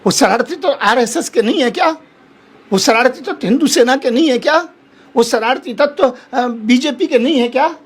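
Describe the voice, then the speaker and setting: Brief: male holy man as debate guest, husky high voice, passionate and pleading, repeats his points. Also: moderate pace. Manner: impassioned, pleading, repeats himself. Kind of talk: heated televised debate.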